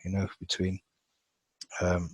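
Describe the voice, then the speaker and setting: A man's voice: sits low, monotone, takes it slowly, husky, no room sound, low-quality recording. A man teaching chemistry in a loose lesson style, thinking aloud as he colors in a chart, with frequent fillers and restarts. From England. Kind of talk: informal lesson over a drawn screen.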